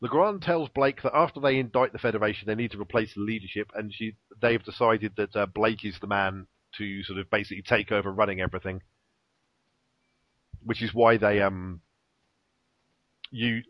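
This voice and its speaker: A man chatting through a story recap in a relaxed, rambling way, with fillers and small laughs along the way. His voice sits at an ordinary pitch. The recording is dry and a little dull, like a home podcast mic. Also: moderate pace, dry recording. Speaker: podcast co-host recapping an episode. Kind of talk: casual chat, episode recap.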